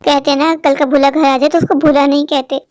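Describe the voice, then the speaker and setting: A woman voicing a wise older mother-in-law in a cartoon story, speaking calmly and soothingly. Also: sits high, brisk, no room sound, studio quality, pitched below the performer's own voice, close to an everyday voice. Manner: calm, soothing, advising. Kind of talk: dubbed Hindi cartoon story.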